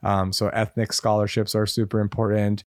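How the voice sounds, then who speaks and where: A man's voice: fairly low pitch, flat delivery, moderate pace, dry recording, clean studio sound. An American man, a medical school admissions advisor, answering interview questions in a conversational way with many fillers. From United States.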